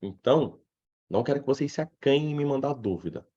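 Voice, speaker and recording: A man's voice: mid-range voice, fast talker, highs cut off. A man with a Brazilian Portuguese accent, teaching an English lesson in a live online class and acting out his students' questions. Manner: animated, acts out student questions.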